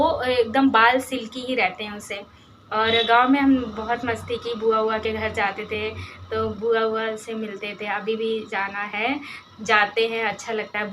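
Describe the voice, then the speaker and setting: A woman's voice: on the high side, fairly bright tone, a little hiss or hum. A young woman telling casual stories about her village childhood, rambling and chatty. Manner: rambling, chatty, many fillers and restarts. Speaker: vlogger.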